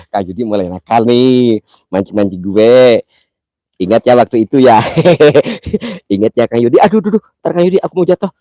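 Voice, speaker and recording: A man hosts a live ghost-hunt stream from a cemetery at night, teasing and joking with his viewers in a playfully affectionate way. His voice is warm and mellow, with a stuffy, congested nose from a cold. The sound is close and dry. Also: medium pitch, animated, moderate pace, no echo. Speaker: livestream host.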